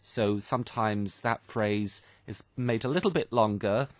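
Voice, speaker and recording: In a radio studio, a male English teacher hosting the show explains phrases plainly, leaning on examples and repeating himself for clarity. He speaks at a measured pace in a fairly low voice, with no echo.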